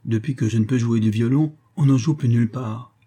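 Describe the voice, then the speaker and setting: Guy putting on an obsessed violinist, pleading, raised voice, husky dark tone, storybook reading. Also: medium pitch, fairly quick, natural voice. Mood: frantic. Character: mad middle-aged male violinist, pleading, obsessed.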